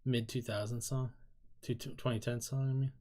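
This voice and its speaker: A man's voice: medium pitch, little pitch movement, moderate pace, a little mellow. Rambling thirty-something man reacting. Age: 30s. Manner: rambling, self-deprecating, laughs often. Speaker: K-pop reaction YouTuber. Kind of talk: casual reaction commentary.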